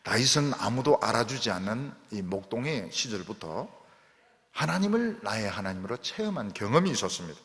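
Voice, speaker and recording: A man preaching a sermon as a pastor, in an animated, dramatic storytelling manner, with long church hall reverb. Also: on the low side, brisk. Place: church sanctuary.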